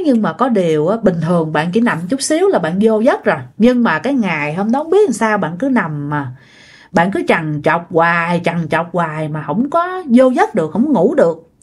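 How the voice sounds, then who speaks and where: A woman telling ghost stories in a casual spoken way, lively and repeating phrases to build suspense. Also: medium pitch, slightly rough. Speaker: ghost story narrator.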